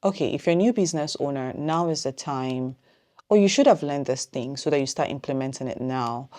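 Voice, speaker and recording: A woman's voice: very deep voice, animated, warm tone. A woman who owns a small business, giving casual vlog advice and thinking aloud with plenty of ums. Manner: says she is talking fast.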